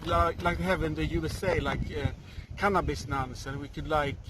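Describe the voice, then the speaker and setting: Halting, higher-voiced man in noisy outdoors. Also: steady tone. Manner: halting, groping for words, repeats himself. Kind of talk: casual chat. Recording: noisy outdoor recording, urban traffic.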